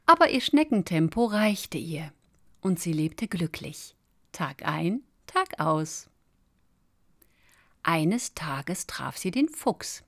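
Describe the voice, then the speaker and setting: A woman narrating a bedtime fairy tale in a slow, soothing, expressive way. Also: on the low side. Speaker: storyteller. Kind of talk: bedtime storybook reading.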